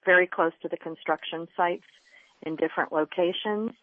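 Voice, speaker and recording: A woman's voice: fairly low pitch, steady tone, normal speed, dry recording. A woman from Florida, a journalist and environmentalist, explaining earnestly as a radio interview guest over the phone. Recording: tinny phone line.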